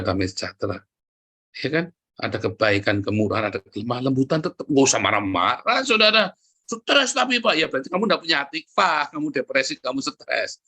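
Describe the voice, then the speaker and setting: A man preaching a sermon, lively and joking, often turning to address the congregation directly. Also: medium pitch, husky. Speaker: pastor.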